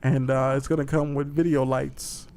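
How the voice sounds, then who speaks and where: A man's voice: medium pitch, level tone, moderate pace, creaky, darkish tone. A man co-hosting a comedy podcast, trading crude, boastful jokes in casual banter. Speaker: podcast co-host.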